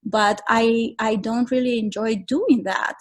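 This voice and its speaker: A woman in her forties with a fairly high voice tells her story as a podcast guest. She talks in a measured, reflective way, pausing often on ums as she thinks. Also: fairly even intonation. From Romania. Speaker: guest, travel photographer. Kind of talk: casual interview.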